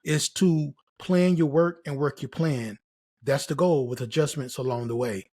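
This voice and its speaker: Speaking at normal speed, a middle-aged American host who mentors nurses delivers casual motivational advice to camera. His medium-pitched voice is warm with a breathy edge, and he's emphatic, often repeating key phrases.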